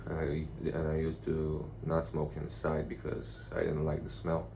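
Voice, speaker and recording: A man giving a casual, rambling vlog monologue in a blunt, profane, halting way. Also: a bass voice, completely flat delivery, creaky. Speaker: vlogger. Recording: noticeable background noise.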